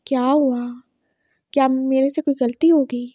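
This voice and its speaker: A woman voicing a caring, teasing young man who speaks in a gentle, coaxing way. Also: sits high, steady tone, measured pace, dry recording, muffled recording. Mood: worried.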